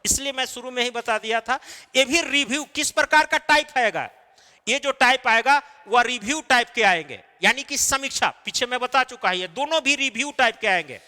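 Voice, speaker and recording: A man's voice: very high voice, moderate pace, pushed and bright, in a large hall. A man teaching an exam-preparation class, explaining step by step and answering his own questions. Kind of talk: recorded lecture.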